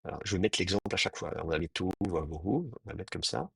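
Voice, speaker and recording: A man teaching an online class, explaining slowly and thinking aloud, with frequent pauses and restarts. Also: deep voice, lively intonation, vocal fry, fairly bright tone, breathy edge. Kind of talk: live online class lecture.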